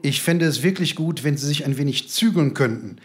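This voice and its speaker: A man's voice: a little high, brisk, voice pushed down, natural voice. A man voicing a sarcastic, quarrelsome middle-aged father who trades insults at a youth football match. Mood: dry. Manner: dry, mocking retorts.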